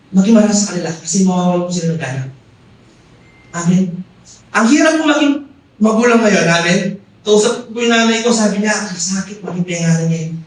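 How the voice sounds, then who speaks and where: A man's voice: high voice, a little hiss or hum. A middle-aged Filipino man preaching a Taglish sermon as pastor, often calling out "amen?" to the congregation. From Philippines. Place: church hall. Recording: echoey hall, mic far off.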